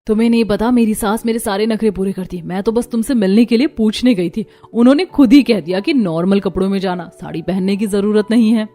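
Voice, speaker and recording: Woman playing a gentle cartoon daughter-in-law, soft-spoken. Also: medium pitch, a little fast, few pauses, close to an everyday voice. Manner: soft, polite.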